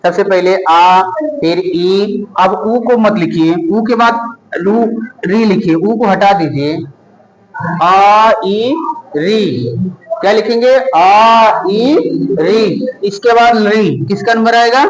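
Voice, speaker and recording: A man with a fairly high voice teaches in a plain classroom manner. He asks a question, answers it himself, and repeats each item slowly. The sound bounces around an echoey room. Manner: repetitive question-and-answer drilling, slow deliberate spelling out. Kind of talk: classroom lesson with call-and-response drilling.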